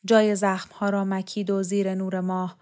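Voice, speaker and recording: A woman reading a literary story aloud in a calm, measured narration. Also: medium pitch. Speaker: story reader. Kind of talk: scripted narration.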